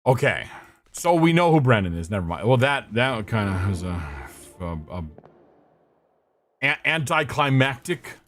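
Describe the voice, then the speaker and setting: Lively-voiced male game streamer. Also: mid-range voice, a little slow, no room sound. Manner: thinking aloud, scattered, swearing, greeting chat. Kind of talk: casual gameplay commentary.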